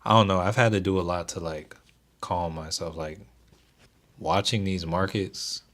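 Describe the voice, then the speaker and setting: Hosting a casual stock trading livestream, this young man talks with viewers in a measured pace and reads their chat aloud. His deep voice is soothing and even, and his delivery stays relaxed and steady.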